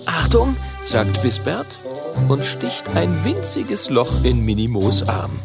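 Expressive man narrating a kids' story. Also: medium pitch, slow, gravelly, over loud music. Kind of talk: children's audiobook narration.

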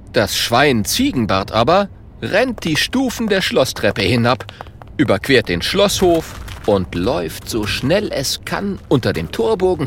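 A man narrating a children's audiobook in a slow, expressive storytelling manner. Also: medium pitch, a little hiss or hum.

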